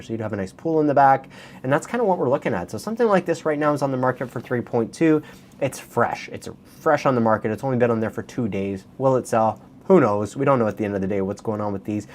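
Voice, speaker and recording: A man's voice: fairly low pitch, darkish tone, slight background noise. Chatty Canadian man touring listings. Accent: Canadian English. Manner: chatty, conversational, addresses viewers directly. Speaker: real estate video host. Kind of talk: casual walkthrough commentary on listings.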